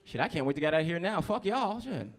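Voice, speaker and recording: A man's voice: a little high, expressive, quick pace. A young adult man from New Jersey doing a stand-up comedy set, loose and crude, teasing the crowd on a handheld mic. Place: comedy club stage.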